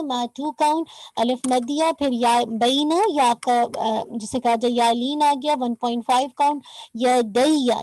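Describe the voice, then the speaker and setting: A woman's voice: high voice, a little mellow, dry recording, poor audio. A woman teaching Quran recitation rules step by step, patiently correcting and mixing in English terms. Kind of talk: online tajweed lesson.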